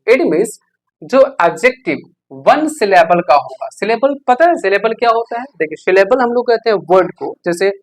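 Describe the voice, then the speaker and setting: Teacher voice, patient classroom explainer, medium pitch, hesitant fillers. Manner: explanatory, asks rhetorical questions, frequent "है ना?" checks. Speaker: English teacher. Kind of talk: classroom-style grammar lesson.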